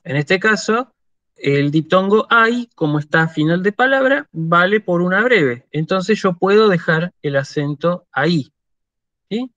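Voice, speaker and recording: Slow-talking Argentine man lecturing. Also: sits high, animated, a bit bright, no room sound. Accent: Argentine Spanish. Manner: patient, checks in with frequent "¿sí?". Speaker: university lecturer. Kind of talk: online lecture. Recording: dull lo-fi dry sound.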